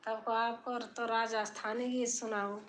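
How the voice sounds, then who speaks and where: A middle-aged woman with an Awadhi accent, live-streaming from a room at home, singing folk songs and chatting softly with viewers between songs. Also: fairly high pitch, level tone, a little slow, a little hiss or hum.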